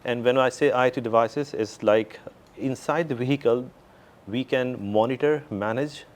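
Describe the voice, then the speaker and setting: A man's voice: medium pitch, moderate pace. Male, middle-aged, Pakistani accent, medium register. Executive guest in a conversational interview. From Pakistan and the Middle East, mainly Saudi Arabia. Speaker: interview guest, company CEO.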